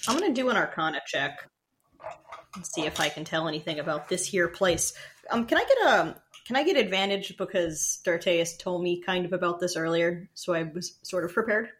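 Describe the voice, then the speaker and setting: A woman's voice: lowish voice, expressive, normal speed, a bit bright. A woman playing a tabletop game, bubbly and chatty, rambling through her questions. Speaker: player. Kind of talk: casual tabletop game play.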